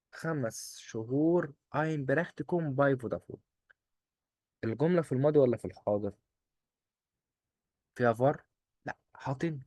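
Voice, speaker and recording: A man with an Egyptian Arabic accent teaching a German exam-prep lesson, quizzing and answering his own questions in quick drills. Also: fairly low pitch, darkish tone, no room sound. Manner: coaxing, repeats rules in quick drills.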